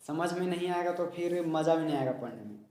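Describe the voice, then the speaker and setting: A man teaching a poetry lesson in a casual, chatty way, slowly reciting verses and explaining them line by line. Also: fairly high pitch, a little mellow. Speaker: coaching teacher. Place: home room, dog barking outside. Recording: echoey room.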